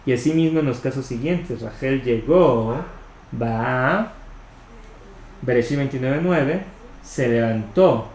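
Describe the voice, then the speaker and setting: Man, measured explanatory reading, slow over foreign terms, faint hiss, reverberant room. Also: mid-range voice, mellow. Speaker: Torah study reader. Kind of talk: reading a commentary aloud. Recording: echoey room with faint noise.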